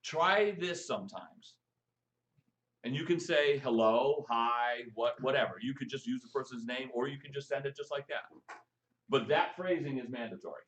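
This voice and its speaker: A man coaching a live audience on texting for network marketing, lively and jokey, firing questions at the room. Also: medium pitch, normal speed, rough recording. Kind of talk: live stream training talk to an audience.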